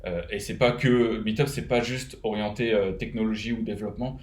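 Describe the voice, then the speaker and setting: A man's voice: lowish voice, steady tone, fairly quick, darkish tone, reverberant. A man from France with a French accent, casually giving advice to fellow web developers, rambling with many fillers and restarts. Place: home, living in Canada.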